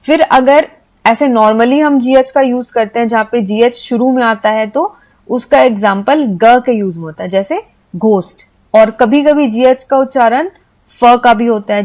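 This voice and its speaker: Woman teacher, slightly high voice, patient step-by-step explainer of letter sounds, classroom lesson tone. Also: darkish tone. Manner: patient, repeats points with examples. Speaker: English teacher.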